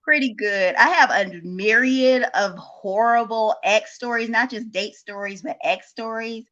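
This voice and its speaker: A woman's voice: a little high, a little slow, a bit bright. A woman with a cartoon-like voice, chatting casually and animatedly as a call-in guest telling personal stories. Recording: slightly dull, lo-fi call audio.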